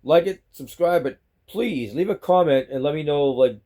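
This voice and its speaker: A middle-aged vlogger with a Boston accent speaks at a moderate pace in a warm, fairly high voice. Filming himself at home on a phone mounted to a selfie stick, he rambles in a chatty way and keeps repeating himself.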